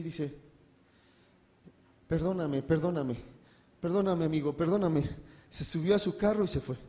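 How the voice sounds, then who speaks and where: A pastor in mid-sermon, his voice sitting a little high for a man yet mellow and warm in tone. He spins his stories loosely and conversationally, turning to the congregation with questions as he goes. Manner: conversational storytelling, addresses the congregation directly.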